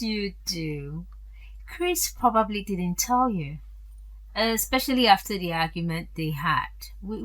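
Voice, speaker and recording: Here a woman voices a rich, gracious elderly aunt for an audio drama, delivering her chatty confidences slowly and with hesitation. Her pitch is medium and her tone a bit bright. She comes across as confiding and animated.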